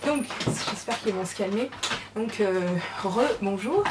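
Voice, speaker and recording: A woman's voice: medium pitch, unhurried. A woman vlogging casually from her craft room at home, chatting to the viewers and coaxing her dogs to sit. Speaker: scrapbooking vlogger. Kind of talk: casual chat to camera. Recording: distant camera mic, noisy room. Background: dogs moving about.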